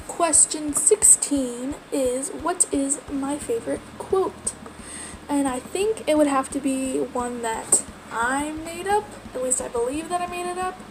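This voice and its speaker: This young woman, a vlogger from Texas, speaks slowly in a high voice with a light American accent tinged with Texan. She rambles casually and laughs often in a get-to-know-me video filmed at home, with a noisy background.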